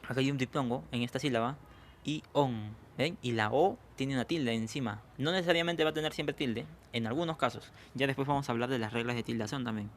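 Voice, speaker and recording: A man's voice: medium pitch, brisk, slight background noise. A man teaching a grammar lesson, explaining step by step and often checking that students follow along. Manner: explanatory, checks understanding with frequent questions. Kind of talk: online language lesson.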